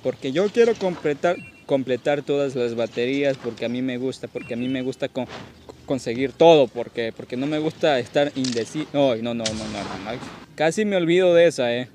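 A man's voice: mid-range voice, fairly quick, a little mellow, slight background noise. A tipsy man gives casual gameplay commentary as a host, rambling, repeating himself and joking crudely. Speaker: gaming video host.

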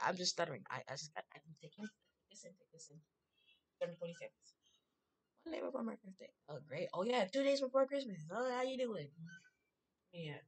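A woman streaming a horror game, reading in-game notes aloud and breaking into loud exclamations and commentary. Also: lowish voice, far from the mic, rough recording. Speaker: gaming streamer. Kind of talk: let's play commentary.

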